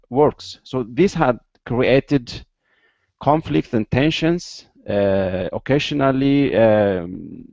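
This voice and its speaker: A man from Ethiopia, a guest in an interview, explaining at length with many pauses and fillers over a video call. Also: mid-range voice, creaky, a little mellow, dry recording, lo-fi sound.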